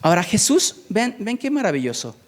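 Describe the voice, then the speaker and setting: A man's voice: high voice, brisk. A man preaching a sermon, reading scripture and explaining it with many restarts and repeated words. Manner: expressive, repeats words and restarts while searching for them; reads scripture aloud then explains it to the congregation. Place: church hall. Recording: long hall reverb.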